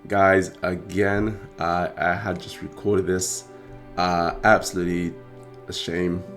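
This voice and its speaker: A man hosting a trading card game vlog, talking casually with many fillers and restarts, his voice croaky. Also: low voice, level tone, slow, fairly bright tone, faint music behind. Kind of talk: casual talk to camera.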